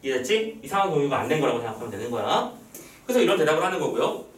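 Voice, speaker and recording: A male teacher giving an online lesson, quizzing his students with quick rhetorical questions and acting out lines from the text. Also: mid-range voice, sing-song. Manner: reads the text's lines aloud in acted voices. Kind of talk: online lecture. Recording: roomy echo, a little far from the mic.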